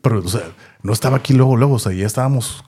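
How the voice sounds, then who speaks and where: A man's voice: mid-range voice, very fast, a little mellow, slightly rough. A man telling a personal story in a casual podcast chat, rambling and tagging his sentences with questions. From Tijuana, Mexico. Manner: rambling, repeats words, many tag questions. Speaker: podcast co-host.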